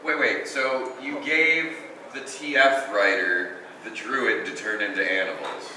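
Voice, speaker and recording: A man's voice: mid-range voice, steady tone, a little slow, bright, forceful tone. A man chatting casually and jokingly as a player in a tabletop game. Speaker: panel player. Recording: echoey room, distant mic, faint noise.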